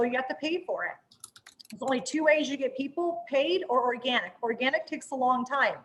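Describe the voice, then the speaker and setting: Female host, high voice, informal and excitable, casual promo chat. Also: rough recording.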